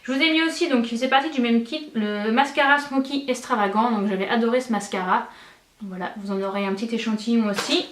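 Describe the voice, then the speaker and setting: A young woman beauty vlogger chatting casually and enthusiastically, with many fillers. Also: a little high. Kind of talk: casual chat. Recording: echoey room, mic at a distance.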